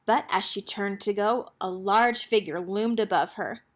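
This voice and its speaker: Measured in pace and mid-range in pitch, a woman narrates a children's picture book with lively, expressive storytelling.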